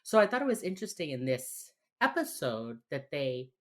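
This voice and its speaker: An American woman with a Miami accent, co-hosting a casual podcast chat in an informal, sweary, halting way. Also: low-pitched, very animated. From United States. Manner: informal, sweary, halting with many filler phrases. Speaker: podcast co-host.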